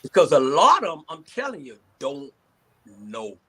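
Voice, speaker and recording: A man's voice: fairly high pitch, wildly swooping pitch, moderate pace, background noise. A man in his sixties with a Southern American accent speaking informally as a panelist in a casual discussion, often repeating his phrases. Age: 60s.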